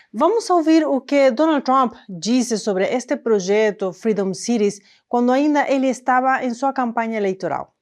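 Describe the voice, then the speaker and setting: A woman's voice: fairly high pitch, darkish tone. A woman from northern Argentina, presenting news in a studio in a conversational, explanatory way. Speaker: news host.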